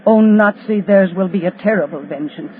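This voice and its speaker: An actress plays a defiant condemned woman, an unkillable avenger accusing Nazis, in a 1940s radio drama monologue, speaking low, solemn and menacing. She is incantatory and taunting, using dramatic pauses, with a voice close to everyday speech. The audio is narrow, tinny, thin and scratchy, like a 1940s radio broadcast.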